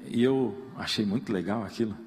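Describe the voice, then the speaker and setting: A man's voice: fairly low pitch, moderate pace, darkish tone. Man preaching in a reverberant church. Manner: playful storytelling, acting out quoted prayers in other voices. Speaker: pastor. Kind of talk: sermon. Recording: long reverb of a church hall.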